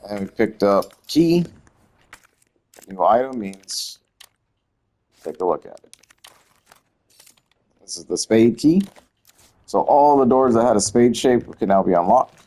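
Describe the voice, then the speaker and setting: Deep mellow-voiced man playing a game. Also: slow pace, long pauses. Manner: relaxed, wry, swears casually. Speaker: gameplay streamer. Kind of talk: casual let's-play commentary.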